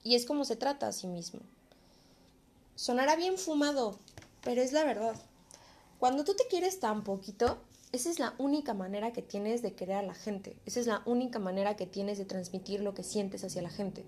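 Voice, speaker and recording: A woman's voice: on the high side, animated, normal speed, darkish tone. Earnest young Mexican woman vlogging. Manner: earnest, encouraging, casual slang. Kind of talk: reflective vlog monologue.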